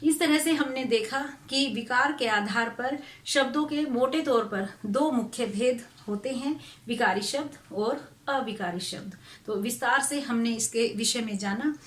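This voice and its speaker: A middle-aged woman with a high voice gives a Hindi grammar lesson online. She speaks slowly and carefully, working through example sentences and pausing on soft fillers. The sound is roomy and echoey, and her voice sits a little off the mic. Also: distant mic. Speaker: Hindi teacher.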